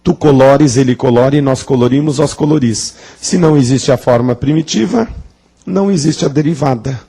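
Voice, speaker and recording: A man's voice: medium pitch, moderate pace, creaky, warm tone, slightly rough. A man teaching a grammar lesson at a classroom blackboard, playful, asking the class questions and drawing out words for emphasis. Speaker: Portuguese teacher.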